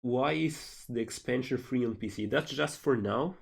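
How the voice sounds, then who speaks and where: A man's voice: medium pitch, moderate pace, creaky, husky. A man from Slovenia, a game developer casually reading out and answering questions on a livestream.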